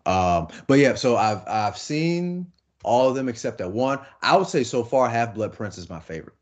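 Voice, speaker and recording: A man's voice: medium pitch, expressive, normal speed, lo-fi sound. A man co-hosting a casual podcast, talking hesitantly with many restarts. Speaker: podcast co-host. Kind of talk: casual chat.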